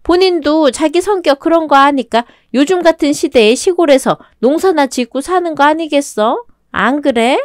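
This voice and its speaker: A woman's voice: animated, moderate pace, hardly any pauses, no echo, clean studio sound. A woman voicing a domineering older mother-in-law who talks down to her daughter-in-law in a scornful, needling way. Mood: sneering. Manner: scornful, needling, high-pitched.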